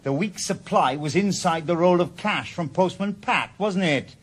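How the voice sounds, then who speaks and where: In a radio drama, a middle-aged man with a Welsh accent plays a stubborn, sardonic retired detective with a dry, probing manner. He speaks at normal speed in a high-pitched voice.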